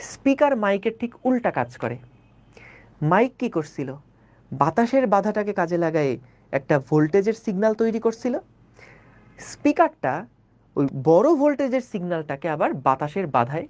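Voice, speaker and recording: A woman teaching a physics lecture in a casual, conversational way, often asking her students quick questions and repeating phrases. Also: medium pitch, a little mellow, no room sound.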